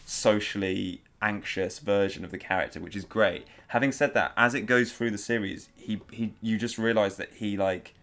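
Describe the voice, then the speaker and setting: A young man chatting casually through a film commentary, rambling with halting restarts and quick laughs. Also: lowish voice, steady tone, a bit bright.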